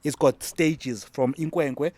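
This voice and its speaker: Speaking slowly with fairly even intonation, this discussion panelist has a slightly high voice with a darkish tone. He's a middle-aged Xhosa-speaking man from the Eastern Cape in South Africa, pressing his argument emphatically in a casual debate and restating key lines.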